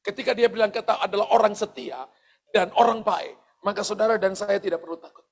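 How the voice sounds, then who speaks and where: Gravelly high-voiced male pastor preaching. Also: fairly quick. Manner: addresses the congregation directly, with asides and chuckles. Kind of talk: sermon. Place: church service.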